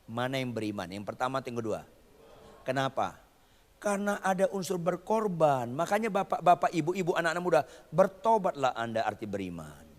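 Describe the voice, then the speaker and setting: A man preaching a sermon, swinging from quiet asides to shouted lines and teasing the congregation in casual slang. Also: a little high, sing-song, a little fast, in a large hall. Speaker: pastor.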